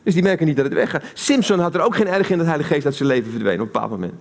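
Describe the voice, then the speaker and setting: A preacher with a Dutch accent delivers a live sermon in a church hall, speaking conversationally and posing questions to the congregation. His voice is a little high with a darkish tone, and he talks very fast in an animated, creaky way.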